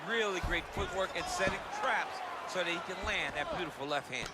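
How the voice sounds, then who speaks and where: A man's voice: high-pitched, animated, a little fast, heavy background noise. A man voicing an emphatic, opinionated color commentator analyzing a fight. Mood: emphatic, excited. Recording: roaring arena crowd behind.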